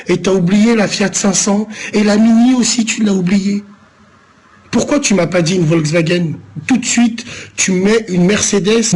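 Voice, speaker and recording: A man from Lyon, France, with a high, slightly breathy voice, chats casually on a live stream. He answers viewers in a loose, rambling, teasing style packed with street slang.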